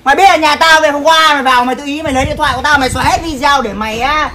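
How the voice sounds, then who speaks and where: High, rapid-fire scolding man. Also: steady tone, sharp tone. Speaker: vlogger confronting a thief. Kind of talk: staged street confrontation skit.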